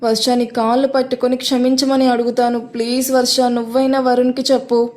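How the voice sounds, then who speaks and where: A man's voice: very high voice, flat delivery, fairly quick, a little mellow. A woman reading a Telugu audio story, voicing a terrified young man who pleads tearfully for mercy. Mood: pleading.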